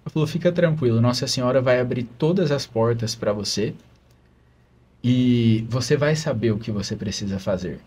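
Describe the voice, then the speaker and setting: A man's voice: mid-range voice, normal speed, darkish tone, a little hiss or hum. A man, a religious brother, telling an earnest, emotional story of his calling in a podcast interview.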